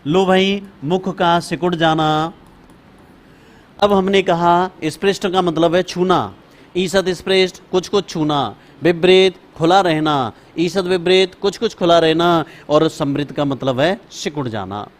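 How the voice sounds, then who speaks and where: A man teaching Sanskrit grammar in a classroom-style lesson. He repeats each term several times and keeps calling his students "brother". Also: high-pitched. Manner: repeats terms slowly, addresses students as brother. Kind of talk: classroom lecture.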